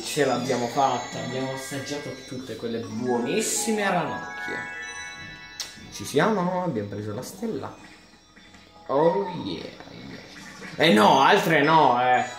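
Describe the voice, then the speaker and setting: A man giving excitable let's play commentary, talking to the game as he plays and sometimes shouting at it. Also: mid-range voice, roomy sound.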